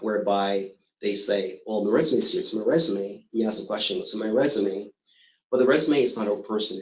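A middle-aged man giving a motivational talk, telling his own story in a lively way and acting out what others said to him. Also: on the low side, roomy sound, rough recording. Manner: storytelling, animated, acts out quoted voices. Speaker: motivational speaker.

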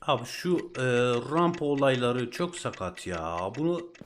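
A man's voice: medium pitch, sing-song, measured pace, heavy background noise. A young man with a Turkish accent doing casual let's-play commentary, reacting with frustrated outbursts and exclamations. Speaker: gaming channel host. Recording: loud game music behind.

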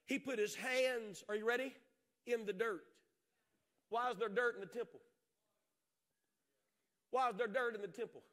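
A middle-aged man preaching an impassioned sermon on a large church stage, swinging from shouts to hushed storytelling. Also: very high voice, normal speed, long pauses. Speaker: pastor.

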